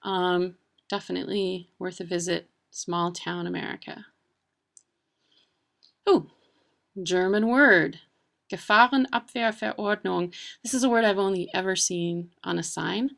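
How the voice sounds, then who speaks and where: Casual woman vlogger, low gravelly voice, chatty with fillers. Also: fairly even intonation, measured pace, pauses often, a bit bright. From Wisconsin. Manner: chatty, many ums and uhs. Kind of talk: casual educational talk.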